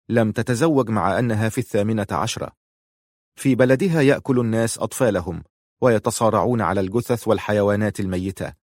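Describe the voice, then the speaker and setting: A man narrating a novel in a measured, emotive way. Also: on the low side, darkish tone, dry recording, clean studio sound. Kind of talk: audiobook narration.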